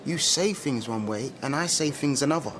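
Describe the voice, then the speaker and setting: This upbeat radio drama dialogue features a young adult male actor voicing a street-smart, confident Londoner, a slangy, opinionated musician-turned-speaker. The delivery is medium-pitched, animated and fairly bright at normal speed, lightly acted, on a rough recording.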